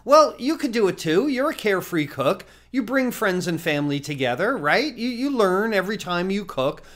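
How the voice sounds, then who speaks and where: A man in his fifties giving an animated online cooking lesson straight to camera from a home office. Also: sits high, normal speed. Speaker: cooking instructor. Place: home office with framed certificates, indoors.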